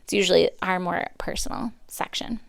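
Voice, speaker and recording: A woman's voice: lowish voice, moderate pace, gravelly, dry recording. A woman in her thirties hosting a solo podcast, talking in a rambling, chatty way and often correcting herself. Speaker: podcast host. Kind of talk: casual solo podcast talk.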